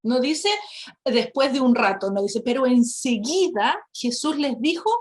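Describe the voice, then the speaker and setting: A woman teaching a Bible lesson, telling the story with lively rhetorical questions and acting out the characters. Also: on the high side, a little slow. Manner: acts out quoted characters.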